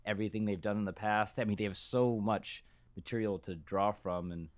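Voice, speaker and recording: A man co-hosts a casual podcast, musing in a relaxed, thoughtful way that often trails off. His voice is on the low side. The sound is dry and close to the mic. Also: brisk, dry recording. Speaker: podcast co-host. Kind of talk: casual chat.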